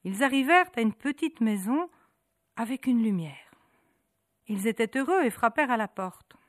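A woman narrating a folk tale in a rhythmic, repetitive storytelling manner with dramatic pauses. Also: a little high, animated, dry recording, clean studio sound.

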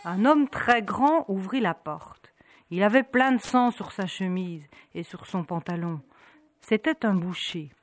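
A woman narrating a folk tale in a rhythmic, repetitive storytelling manner with dramatic pauses. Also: mid-range voice, lively intonation, a little hiss or hum.

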